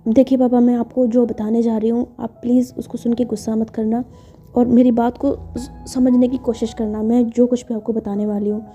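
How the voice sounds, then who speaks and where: A woman's voice: on the high side, level tone, brisk, warm tone, dull audio, faint music behind, lightly acted. A woman voicing a jealous, sulky young woman in a told story, speaking curtly and hesitantly. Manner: curt and hesitant.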